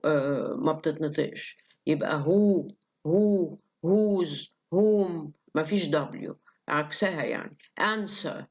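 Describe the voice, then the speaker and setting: A woman lecturing on phonetics with an Egyptian Arabic accent. She mixes Arabic and English and sounds out example words slowly. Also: lowish voice. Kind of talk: recorded online lecture. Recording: dull lo-fi lecture recording.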